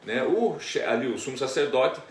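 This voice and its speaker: Pastor teaching scripture, chatty explainer, recorded from a distance in an echoey room. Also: male voice, medium pitch, lively intonation, moderate pace, a little hiss or hum. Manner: explanatory, many tag questions. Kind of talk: Bible study teaching.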